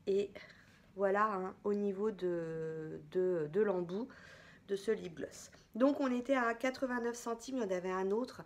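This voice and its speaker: A woman's voice: medium pitch, darkish tone. A woman beauty vlogger chatting casually through a product haul, chatty and hesitant, with many fillers.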